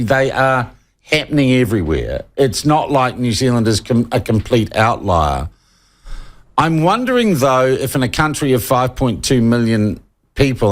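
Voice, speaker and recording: A man hosting a talk radio interview, asking pointed, opinionated questions. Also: on the low side.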